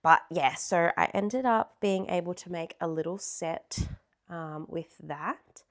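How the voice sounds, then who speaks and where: Gravelly-voiced Australian woman chatting casually. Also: lowish voice, a little slow. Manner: chatty, rambling, many ums and restarts. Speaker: crochet vlogger. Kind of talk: casual show-and-tell chat.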